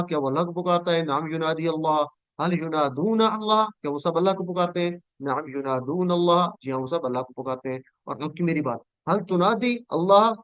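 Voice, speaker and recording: A Quranic Arabic teacher drills verb forms in an online class over a video call, his somewhat high, smooth, slightly bright voice recorded dry and close, with dull audio. He patiently says each word slowly and carefully, pausing so students can echo it back.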